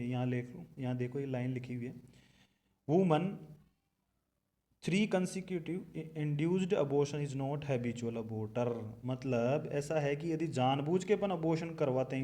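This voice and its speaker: A man's voice: mid-range voice, dark tone. A young man with an Indian accent teaching nursing exam material, asking questions and answering them himself. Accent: Indian English. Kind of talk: recorded lecture.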